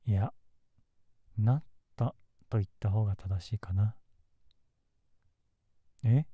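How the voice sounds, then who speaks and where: A man playing a gentle, melancholy young man in love, in a soft, intimate ASMR role-play close to the mic. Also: on the low side, slow, husky, no echo, phone-quality sound. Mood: tender, sympathetic. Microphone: close ASMR microphone in a dry space.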